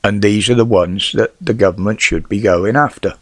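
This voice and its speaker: Recorded dry, this middle-aged British man speaks at a moderate pace in a voice on the low side, with a whistle on his s sounds from false teeth. Blunt and casual, he swears and fires off rhetorical questions while opining on the news.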